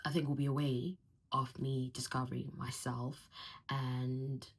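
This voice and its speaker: A young woman talks through a casual vlog introduction, rambling and full of fillers. Her voice sits very low for a woman and has a husky, slightly breathy edge. She sounds relaxed and unpolished, like she is talking straight to her viewers. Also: measured pace. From Zimbabwe, raised in South Africa. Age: 20s. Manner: chatty, rambling, laughs often, lots of fillers. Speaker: vlogger.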